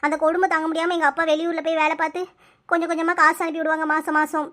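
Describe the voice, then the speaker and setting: Woman doing a super high squeaky cartoon girl of 21, sad and pleading, rattles it off fast, flat tune. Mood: sorrowful. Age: 20s. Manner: tearful, pleading, rapid storytelling. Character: mistreated young village woman, 21, pleading. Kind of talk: cartoon voice acting.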